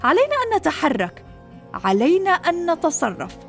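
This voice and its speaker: A woman's voice: very high-pitched, wildly swooping pitch, moderate pace, vocal fry, faint music behind, voice pushed up, full character voice. A woman doing a firm, determined juice box. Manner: firm, emphatic.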